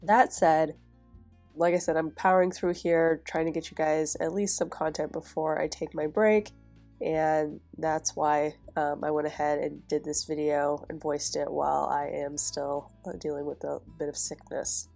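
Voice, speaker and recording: Over faint background music, a young planner vlogger narrates while she decorates a planner, her voice stuffy and nasal because of a cold. She speaks low, a little slowly, and with a creaky texture, keeping things chatty and relaxed with gentle laughs.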